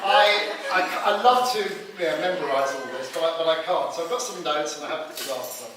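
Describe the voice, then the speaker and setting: A middle-aged man gives a humorous father of the bride speech in a halting, joking way, talking directly to his audience. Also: a little high, animated, crowd noise. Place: live wedding reception before an audience. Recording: echoey noisy room, distant microphone.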